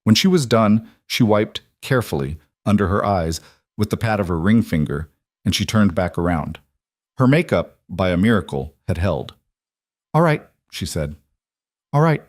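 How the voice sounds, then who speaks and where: A man narrating a scripted story in a calm, even way. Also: low-pitched, moderate pace, no room sound, studio quality.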